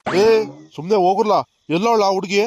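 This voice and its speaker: A man's voice: high-pitched, fairly even intonation, fairly quick, very noisy, lightly acted. A man playing a stubborn, hot-headed village father in a cartoon comedy, blustering angrily about family honor. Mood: angry. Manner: angry, blustering.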